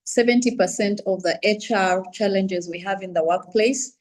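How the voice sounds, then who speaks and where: A woman's voice: mid-range voice, normal speed, poor audio. A woman from Uganda, guest speaker on a video call, talking earnestly and steadily about her life. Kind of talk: personal talk.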